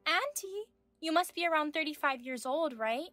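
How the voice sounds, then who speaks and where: A woman's voice: high-pitched, animated, moderate pace, a bit bright, no room sound, faint music behind, pitched above the performer's own voice. A woman voicing a smug young female medical student in her twenties who mocks and talks down to an older wife. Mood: taunting. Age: 20s. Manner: mocking, condescending.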